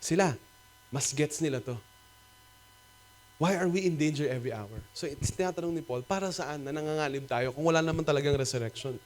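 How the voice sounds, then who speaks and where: A Filipino man preaches from the pulpit of a cinema used for church. His voice sits somewhat high as he argues his point in rhetorical bursts, mixing Tagalog and English. A faint electrical hum runs underneath. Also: a little fast. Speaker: pastor. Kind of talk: sermon.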